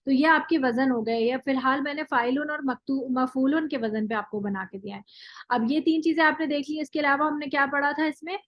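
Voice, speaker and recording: A woman's voice: sits high, fairly even intonation, a little fast, dry recording, lo-fi sound. A woman teaching Arabic grammar in a classroom lecture, explaining step by step, checking in with her listeners and drilling word forms one by one; her first language is Urdu. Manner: explains step by step, often checks with "thik hai".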